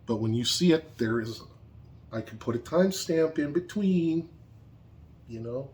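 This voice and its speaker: A man's voice: fairly high pitch, animated, a little slow, a little mellow. A man angrily ranting in a vlog, swearing constantly and repeating points for emphasis. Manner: angry, profane, heated. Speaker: vlogger.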